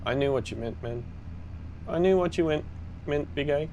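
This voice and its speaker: A man's voice: a little high, moderate pace, mellow, dull audio, a little hiss or hum. Chatty man streaming a farming game. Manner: chatty, upbeat, frequent 'ooh' exclamations. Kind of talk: live gameplay commentary, chatting with viewers.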